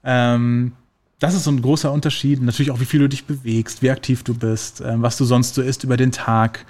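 A man with a mid-range voice talks through health myths on a casual podcast, drawing on everyday examples. His pace is brisk, his tone relaxed, and his speech full of fillers.

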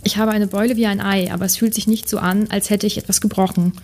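A woman reading a steady young wizard boy. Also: mid-range voice, fast, close to an everyday voice. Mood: tense. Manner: keeps voice steady. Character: level-headed young wizard boy, tense. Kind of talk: read-aloud storybook.

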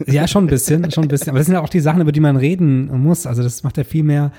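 A man's voice: a little high, steady tone, racing, warm tone, husky. A young man co-hosting a podcast in casual, conversational chat. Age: young adult. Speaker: podcast co-host.

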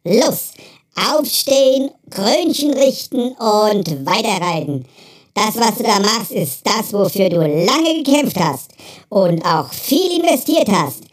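A high, bossy little inner voice that scolds and urges him on, leaping about in pitch. It speaks slowly and deliberately, hammering each command home. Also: male voice, sing-song, full character voice. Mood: scolding. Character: small, sharp, feisty inner voice, a pushy motivator.

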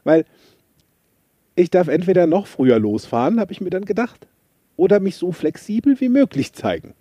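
Chatty guy podcasting, dry close mic, bouncy pitch, likes joking about himself. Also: moderate pace, slightly rough, no echo. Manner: chatty, self-mocking, lively storytelling. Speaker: podcast host, coach. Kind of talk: casual motivational podcast monologue.

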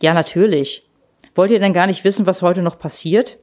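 A woman voicing a tired, strict mother sending her daughters to bed in a read-aloud novel, talking briskly and firmly. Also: on the low side, darkish tone, close to an everyday voice. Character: tired, strict East German mother at bedtime.

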